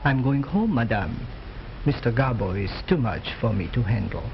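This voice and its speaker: A man's voice: mid-range voice, lively intonation, moderate pace, gravelly. A man playing a weary, deferential employee in an old film drama. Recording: muffled old film soundtrack, faint noise.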